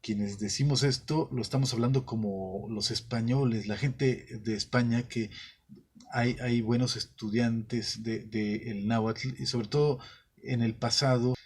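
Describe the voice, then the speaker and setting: A man's voice: mid-range voice, steady tone, measured pace, darkish tone, breathy edge. A man with a Mexican accent talks through his ideas at an easy pace, in a mid-range voice. He stops often to rephrase, leaning on fillers and small restarts as he thinks aloud. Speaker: channel host. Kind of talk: casual explanatory talk.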